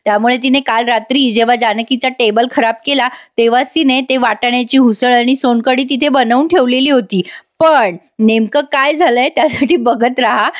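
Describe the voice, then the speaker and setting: A woman giving a chatty voice-over recap of a TV serial, talking straight to her viewers. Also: fairly high pitch. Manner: chatty, addresses viewers directly. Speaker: TV serial reviewer.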